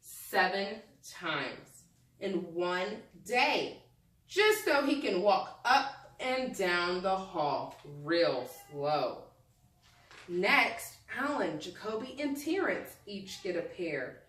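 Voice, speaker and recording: A woman teacher reading a picture book aloud to young children, pausing to prompt them with questions and think out loud. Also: medium pitch, very animated. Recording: echoey room, distant microphone.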